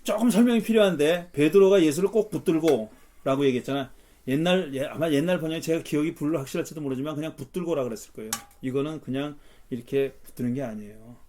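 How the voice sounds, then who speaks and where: A man leading a Bible study as pastor, explaining verses in an animated way and acting out the lines he quotes. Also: a little high, quick pace. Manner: animated, acts out quotes with rising intensity.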